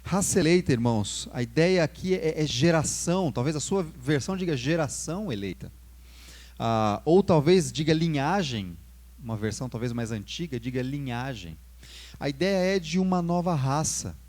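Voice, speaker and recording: A young adult Brazilian pastor with a Brazilian Portuguese accent preaches a sermon in an animated, darkish voice at a moderate pace. He raises his voice on key words and lets it fall low at the ends of phrases.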